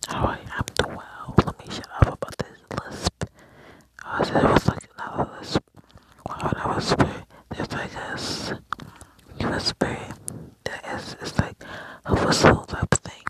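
A teenage girl whispering a rambling first podcast episode, mouth right next to her headset mic. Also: poor audio. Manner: rambling, giggly filler-heavy whisper. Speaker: podcast host. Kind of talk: whispered ASMR-style chat. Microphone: headphones with mic right at mouth.

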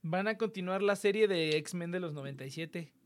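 A man's voice: high-pitched, moderate pace. A man with a Mexican accent in a casual voice chat, teasing friends with crude slang.

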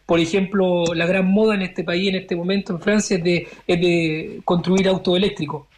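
A man in his forties, born in Chile, answering interview questions as a member of parliament in a measured way, searching for his words. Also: high voice, fairly even intonation. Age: 40s.

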